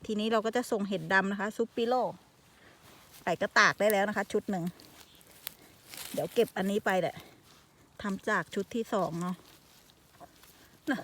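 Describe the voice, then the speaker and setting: A woman's voice: medium pitch, moderate pace, pauses often, fairly bright tone, slight background noise. A woman chatting casually to her camera while foraging in a forest, full of exclamations. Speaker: vlogger. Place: forest outdoors.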